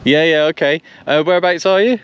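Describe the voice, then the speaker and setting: A fairly high-pitched man talks a little quickly while vlogging a two-way radio test out on a country lane. Between radio calls he comments casually and repeats himself as he thinks aloud, captured in lo-fi, noisy outdoor audio with vehicle sounds.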